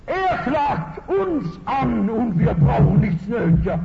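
A man's voice: extremely high pitch, sing-song, takes it slowly, a loud crowd. An older man, a pastor with a German accent, preaching a sermon and telling stories emphatically while addressing the audience directly. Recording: dull lo-fi recording in a reverberant hall.

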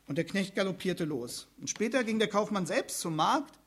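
A man's voice: high voice, lively intonation, normal speed, fairly bright tone, husky. A middle-aged pastor preaching a sermon, earnest and speaking directly to his listeners. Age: middle-aged or older.

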